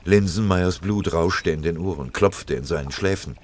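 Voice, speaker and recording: Deep-voiced male audiobook narrator. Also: moderate pace, darkish tone, a little hiss or hum. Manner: dramatic, vivid storytelling.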